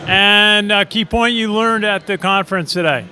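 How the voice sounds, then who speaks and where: Bright high-voiced man interviewing. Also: normal speed, slight background noise. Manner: hesitant, many "uh" fillers, brief praise. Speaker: interviewer and video host. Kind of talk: casual event interview.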